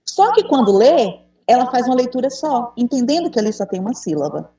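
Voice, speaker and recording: A woman's voice: on the high side, big pitch swings, fairly quick, dark tone. Brazilian woman trainer on an echoey call. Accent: Brazilian Portuguese. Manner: patient, encouraging, asks the group questions. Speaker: teacher trainer. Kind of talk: online teacher training session. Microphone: video call. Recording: echoey room, distant mic.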